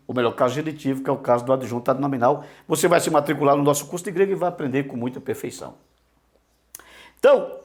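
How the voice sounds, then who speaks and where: A man teaching a Greek lesson, repeating key words and asking himself questions. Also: medium pitch. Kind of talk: online lesson.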